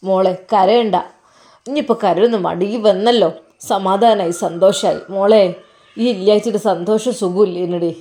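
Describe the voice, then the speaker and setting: A woman voicing a gentle elderly father, talking in a calm, reassuring way. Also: mid-range voice, normal speed, natural voice. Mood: soothing.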